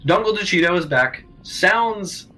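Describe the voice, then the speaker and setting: A man narrating as game master of a tabletop game, in a relaxed, laid-back way. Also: sits high, a little slow, soft background music, low-quality recording.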